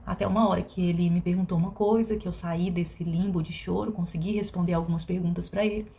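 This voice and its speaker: Give me a woman with a low, warm voice, talking slowly and hesitantly in a personal vlog. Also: steady tone, vocal fry. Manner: reflective and hesitant, with many fillers and restarts. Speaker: vlogger.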